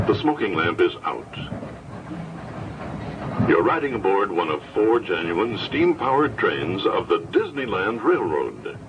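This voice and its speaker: Man doing train tour narration over the pa, swoopy folksy delivery, muffled and kinda far with noise behind. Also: lowish voice. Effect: over a PA system. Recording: muffled onboard loudspeaker with noise.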